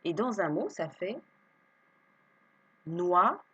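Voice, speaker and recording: A woman teaches young children to read, drawing out each syllable slowly and patiently. Her voice sits low and a little husky, but it rises and falls a great deal as she stresses sounds. A faint electrical hum runs underneath. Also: expressive, dull audio. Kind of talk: reading lesson for young children.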